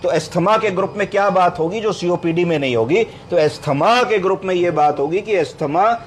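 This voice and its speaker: Male doctor, higher-pitched voice, patient teaching lecture style, faint background hiss. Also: moderate pace. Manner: explains step by step, asks and answers his own questions; mixes English medical terms into Hindi. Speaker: doctor teaching clinical medicine. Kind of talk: explanatory medical lecture.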